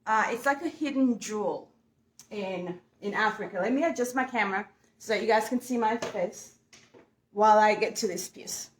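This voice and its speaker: A woman's voice: mid-range voice, normal speed, roomy sound, slight background noise. A young woman from Uganda, talking casually and upbeat to viewers while she works on a furniture project at home. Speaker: furniture painting vlogger. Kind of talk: casual chat while working. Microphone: camera mic.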